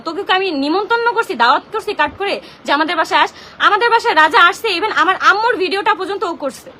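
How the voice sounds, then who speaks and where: A young Bangladeshi woman talks in a very high voice on her phone during a live stream, her tone bright and piercing. She complains in an agitated, confrontational way. A faint noise runs behind her. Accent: Bangladeshi Bengali. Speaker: social media livestreamer. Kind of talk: emotional live-stream rant.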